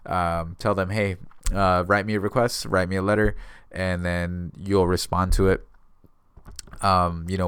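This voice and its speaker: A deep, clear, resonant man's voice, dry and clean like a studio recording. He's an American from the San Diego area who talks to viewers as a notary, offering conversational advice through retold exchanges in a casual instructional vlog.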